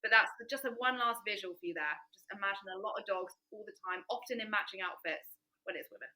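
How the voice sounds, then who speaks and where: A woman from England talks quickly in a bright, forward voice, chatty and upbeat. She is a podcast guest in a relaxed conversation, and she laughs often between her points. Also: mid-range voice, low-quality recording. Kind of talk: casual chat.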